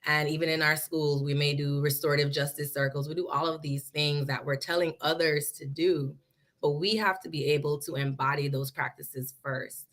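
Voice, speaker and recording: A woman's voice: low voice, fairly even intonation, normal speed, a bit bright. A woman graduate student speaking earnestly on a panel discussion over a video call. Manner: earnest, laughs while teasing.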